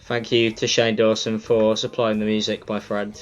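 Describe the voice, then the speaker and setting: This livestreamer's voice is on the low side and monotone, delivered at normal speed. He chats loosely, apologizes, stumbles here and there, and rambles on. A cheap computer mic makes it sound dull and lo-fi, with faint music playing.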